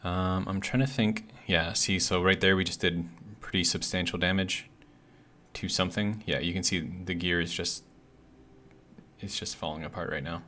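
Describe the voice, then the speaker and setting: A man hosting a gaming video series speaks in a low-pitched, slightly bright voice. He comments casually on the gameplay, thinking aloud hesitantly, with slightly awkward articulation caused by a healing bitten tongue.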